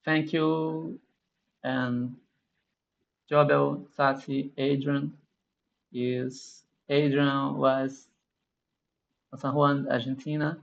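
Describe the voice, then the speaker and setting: A man hosting a live online class Q&A, speaking haltingly with many restarts and thanks. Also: medium pitch, little pitch movement, creaky, muffled recording. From Brazil. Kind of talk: casual online class chat.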